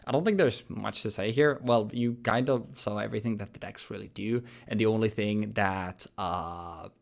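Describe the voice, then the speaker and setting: Gravelly man in his late twenties. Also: fairly low pitch, normal speed. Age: 20s. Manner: joking, rambling, laughs often. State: losing his voice. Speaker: host. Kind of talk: casual gaming commentary.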